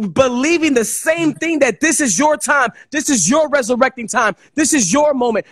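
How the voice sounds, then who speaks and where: In a dry recording, a man hosting a guest prays over him with spontaneous, fervent exhortation in the manner of an emphatic preacher. He speaks with an extremely high-pitched, slightly bright voice.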